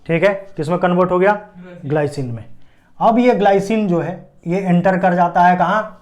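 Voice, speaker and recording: A man's voice: sits high, normal speed, darkish tone. A man teaching a biology lesson at a board, explaining step by step and asking and answering his own check questions. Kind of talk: classroom lecture at a board.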